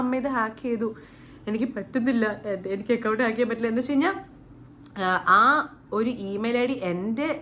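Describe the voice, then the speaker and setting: A young woman telling a story to her viewers in a casual, animated vlog, dropping English words into her talk. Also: fairly high pitch, a little hiss or hum. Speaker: YouTuber.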